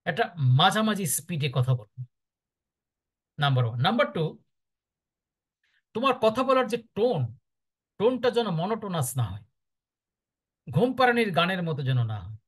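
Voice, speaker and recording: A man's voice: sits high, normal speed, long pauses. A man with a Bangladeshi accent, a teacher giving firm, emphatic advice to his students in a lecture. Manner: firm, instructive, lively emphatic delivery.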